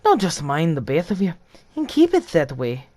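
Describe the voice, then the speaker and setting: A man reads out a sly little steam engine from a storybook, pitched up high and a bit loud, all wide-eyed innocence. He talks in a teasing way, and the voice sits dry and close with no room around it. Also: huge pitch swings, moderate pace, no echo. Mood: warning. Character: cheeky male steam engine, sly trickster.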